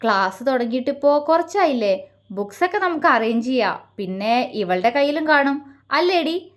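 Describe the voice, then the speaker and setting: Lady reading as a kind big brother, soft reassuring tone, bit of teasing, audio story. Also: high-pitched, animated, normal speed. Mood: gentle. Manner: gentle, reassuring, lightly teasing.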